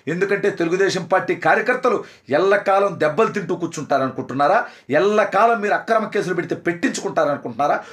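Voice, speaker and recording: A man delivering an angry political rant, hurling insults and rapid-fire accusations. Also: sits high, fairly bright tone. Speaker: political party supporter.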